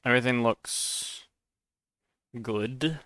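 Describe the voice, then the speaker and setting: A man's voice: medium pitch, drawn-out words, fairly bright tone, clean tone, dry recording, clean studio sound. A man streaming live while he codes, rambling and stammering through casual chat and often saying "dude". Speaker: streamer and mod developer.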